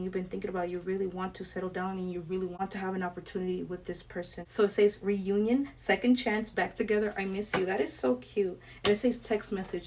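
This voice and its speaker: A woman's voice: medium pitch, a little mellow, recorded from a distance. A young woman giving a casual tarot reading to camera, chatty, swearing lightly and laughing often. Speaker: tarot reader. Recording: air conditioner noise behind.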